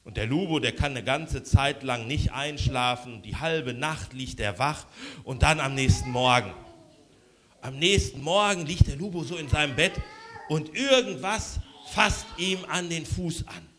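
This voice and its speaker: A man telling a children's story aloud, lively with hushed asides. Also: fairly high pitch, unhurried.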